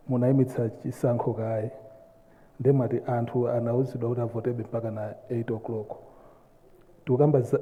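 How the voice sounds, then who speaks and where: A man's voice: medium pitch, mellow. A man with a Malawian accent, a reporter putting formal questions at a press conference, mixing two languages. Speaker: newspaper reporter. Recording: echoey hall, thin phone-like sound.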